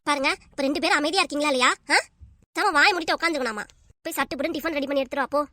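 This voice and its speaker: A woman voicing a sharp-tongued cartoon mother who nags and scolds her family nonstop. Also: sits high, no echo. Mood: scolding. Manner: nagging, rapid-fire scolding. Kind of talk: cartoon dub acting.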